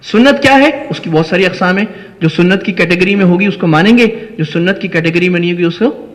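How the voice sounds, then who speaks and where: A man with a Pakistani Urdu accent, an Islamic scholar giving a lecture who explains step by step and asks and answers his own questions. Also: high voice. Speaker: Islamic scholar teaching hadith studies. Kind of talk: classroom lecture. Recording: long hall reverb.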